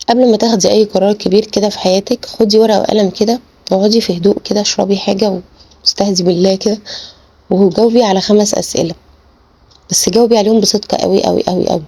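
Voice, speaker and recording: A woman's voice: mid-range voice, fairly even intonation, rapid-fire, mellow, slightly rough. A woman life coach with an Egyptian Arabic accent gives relationship advice straight to the viewer. She talks earnestly and repeats words for emphasis. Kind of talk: direct-to-camera advice talk.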